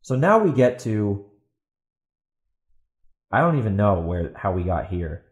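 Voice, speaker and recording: A man with a lowish voice hosts a solo podcast, speaking a little slowly with big swings in pitch. He rants in a combative, exasperated, blunt manner, repeating himself and partly reading out a post. The recording sounds roomy and echoey.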